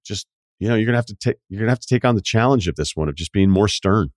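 A man's voice: fairly low pitch, expressive, very fast, no room sound, clean studio sound. A man hosting a podcast, chatting casually and reading listener mail aloud. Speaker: podcast host. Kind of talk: casual chat.

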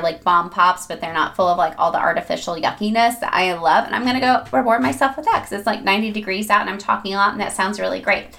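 A woman's voice: medium pitch, vocal fry, a bit bright. A woman hosting a self-improvement advice podcast, speaking in an upbeat, chatty and encouraging way, as if to friends. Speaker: podcast host.

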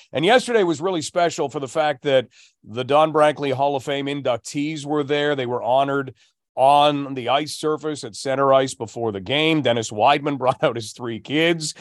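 A man's voice: medium pitch, no echo, clean studio sound. A man co-hosting a hockey podcast, recounting games and anecdotes in a casual, storytelling way. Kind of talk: casual sports chat.

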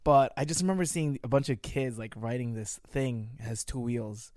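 A man's voice: mid-range voice, moderate pace, a little mellow, no room sound, studio quality. Slangy frat-bro young man from the Philippines. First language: Tagalog. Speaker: podcast guest. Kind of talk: casual banter and storytelling.

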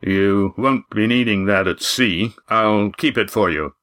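A man narrator voicing a gruff innkeeper with a rumbling voice in an audiobook. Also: a little slow, fairly bright tone.

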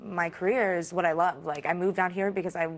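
A young woman in her twenties from Ohio, making her case in front of a court show judge, talking fast with lots of "like". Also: on the low side, steady tone. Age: 20s. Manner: fast, full of "like", frustrated. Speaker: litigant.

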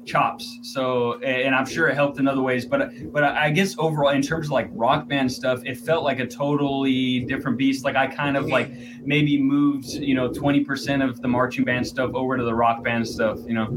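A man giving a casual interview as a musician, rambling and thinking aloud with halting phrasing. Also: mid-range voice, fairly even intonation. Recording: clear background noise.

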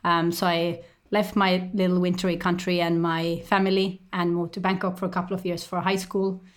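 A woman in her thirties, raised in Estonia, answers interview questions in a steady, articulate manner, pausing on small ums and repeated words. Her voice sits a little on the low side. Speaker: guest, company executive. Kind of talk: conversational interview.

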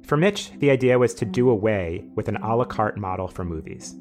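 A man hosting a podcast, reading a measured, scripted narration that explains a business story. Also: fairly low pitch, animated, over music. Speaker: podcast host.

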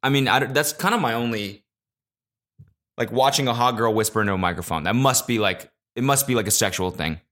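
A man hosting a casual solo podcast, talking into a podcast mic in an animated, profane rant that jumps between loud exclamations and low mutters. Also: a little fast. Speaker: podcast host. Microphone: podcast microphone.

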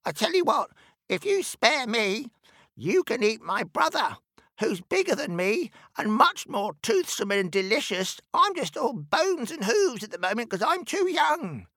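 Tiny bleating billy goat kid. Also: male voice, very animated, measured pace, pushed and bright, no room sound, clean studio sound, full character voice. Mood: pleading. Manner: high bleating voice, pleading. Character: small bleating young billy goat, timid.

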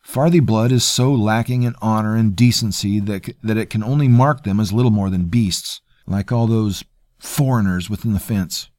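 A man's voice: on the low side, normal speed, darkish tone, dry recording, clean studio sound, voice pushed up, close to an everyday voice. A man playing an officious, sneering noble. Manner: smooth, condescending, officious.

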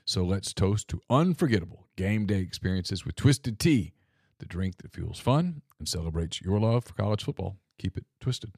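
Low-voiced man reading a sponsor spot. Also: expressive, moderate pace, a little mellow, slightly rough, no room sound, studio quality. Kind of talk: scripted ad read.

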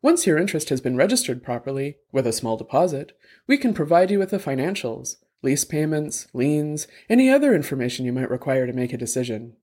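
A man's voice: a little high, sing-song, a little fast, darkish tone, husky. A man voicing a chirpy female-styled real estate sales bot, speaking in a canned, salesy patter in an audiobook.

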